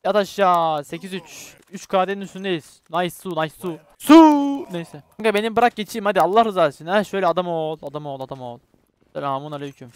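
Here a young YouTuber with a Turkish accent calls out his own shooter gameplay, swearing, trading jokes with teammates and asking viewers to subscribe. His high voice is clean and runs a little fast.

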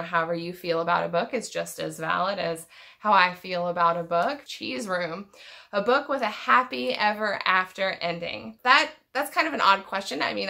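A woman's voice: medium pitch, creaky, sharp tone. A woman in her thirties chatting unscripted on a home vlog, thoughtful and rambling, often restarting her sentences. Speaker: book vlogger. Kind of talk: unscripted book tag vlog. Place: home room with packed bookshelves.

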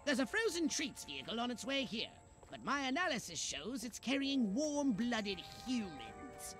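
An actor voicing a small, bossy alien commander in a video game, giving clipped, commanding orders in a gravelly voice. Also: male voice, very high voice, big pitch swings, normal speed, fairly bright tone, soft background music, full character voice. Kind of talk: video game cutscene acting.

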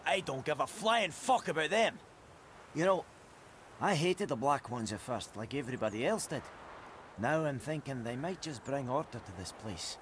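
An actor playing a blunt, middle-aged village blacksmith in a video game. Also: male voice, fairly high pitch, slight background noise. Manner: blunt, plain-spoken, lively.

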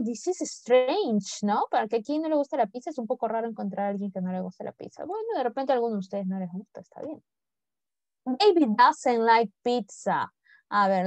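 A woman's voice: fairly high pitch, a little mellow, dry recording. Patient woman teacher coaxing young pupils. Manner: patient, coaxing, mixes Spanish and English, drills pronunciation. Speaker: English teacher. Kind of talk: online primary class lesson.

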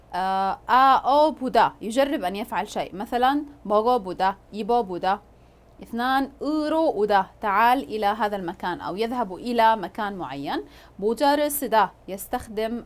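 A woman with a fairly high voice teaches a language lesson. She explains each word patiently and stops often on long fillers as she thinks.

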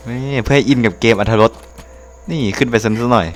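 A man giving casual let's-play commentary, excitable, with quick exclamations and playful jokes. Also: mid-range voice, a little hiss or hum. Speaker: gameplay commentator.

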